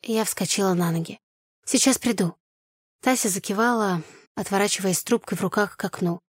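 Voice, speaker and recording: A woman narrating a first-person novel in an even, storytelling delivery. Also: medium pitch, quick pace, slightly rough, no room sound, clean studio sound. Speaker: audiobook narrator.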